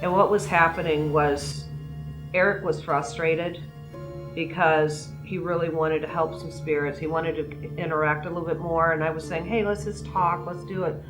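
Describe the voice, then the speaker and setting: Low-voiced woman, candid investigator commentary over background music. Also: level tone, normal speed, low-quality recording. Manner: candid, self-deprecating. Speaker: paranormal investigator. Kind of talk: reflective interview commentary.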